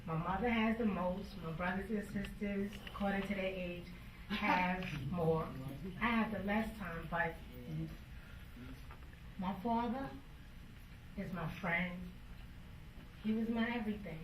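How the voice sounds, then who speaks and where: A woman's voice: medium pitch, a little slow, long pauses, a little hiss or hum. A woman, the youngest daughter, giving a funeral tribute to her father and holding back tears. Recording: roomy, from far off.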